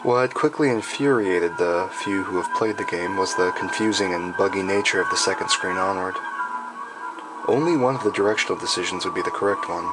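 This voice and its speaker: A man reading a scripted horror story in a measured, deliberate and ominous storytelling manner. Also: low voice, low-quality recording. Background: background music.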